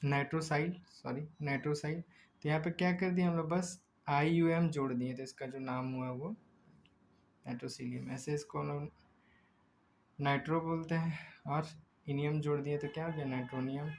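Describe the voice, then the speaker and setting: A man's voice: on the high side, level tone, creaky, a little hiss or hum, low-quality recording. Guy giving a chemistry lecture, asks himself questions as he goes, drags out the long names, fixes his slips mid-word. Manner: asks himself rhetorical questions while explaining step by step; stretches out chemical names slowly. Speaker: chemistry teacher. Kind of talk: recorded lecture.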